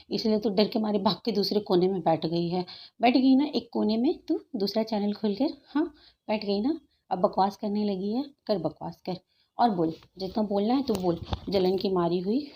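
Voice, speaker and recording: A woman's voice: mid-range voice, dull audio. A woman YouTuber in her thirties, scolding and sarcastic in a heated reaction video, repeating her points for emphasis.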